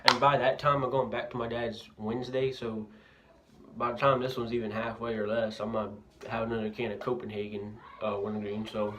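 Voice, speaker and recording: A man's voice: medium pitch, level tone, a little fast, a bit bright, dull audio. A young man talking casually with a lip full of dip, reviewing a product in a bathroom. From Louisiana, United States. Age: young adult. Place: indoors, bathroom at a house. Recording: noisy amateur bathroom recording, clicks.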